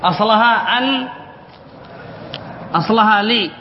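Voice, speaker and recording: A man with a very high voice teaches a class as a sheikh, reading lines from a text and explaining them with many repeated examples. He asks the class a question, then answers it himself. The recording is dull and muffled, with a long echo and a faint hiss. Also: unhurried. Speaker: sheikh teaching Arabic spelling rules.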